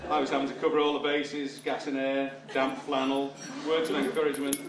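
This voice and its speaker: A man's voice: medium pitch, flat delivery, a little fast. A middle-aged or older British man giving a father of the bride wedding speech with dry, wry humour. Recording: roomy, distant microphone, clear background noise. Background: room noise and guests laughing.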